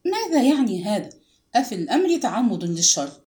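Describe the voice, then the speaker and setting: A woman reading an audiobook and voicing a reserved retired army major, an older man who answers curtly and sharply in a lowered voice. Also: lively intonation, fast, natural voice. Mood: curt, shaken. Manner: curt, sharp.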